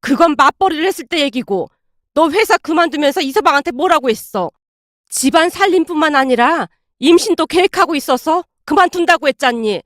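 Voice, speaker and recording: Woman voices a stern older mother-in-law, high and biting, loud rebukes. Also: animated, a little fast, dry recording, clean studio sound. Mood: scolding. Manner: sharp, scolding rebukes.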